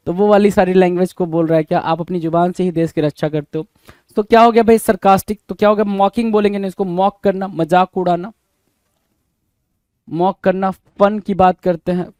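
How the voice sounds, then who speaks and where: High-pitched teacher quizzing students. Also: male voice, darkish tone, no room sound. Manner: quizzing, keeps asking "bhai?" then answering. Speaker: English vocabulary teacher. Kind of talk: Hindi-English exam-prep lesson.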